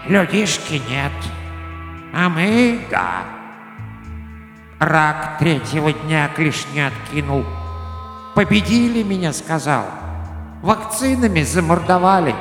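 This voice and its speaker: A man voicing a gloomy, drowsy female Death speaking slowly in a radio story reading. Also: a little high, very animated, a bit bright, pitched above the performer's own voice, exaggerated voice. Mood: glum. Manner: slow and glum. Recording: echoey room with faint music.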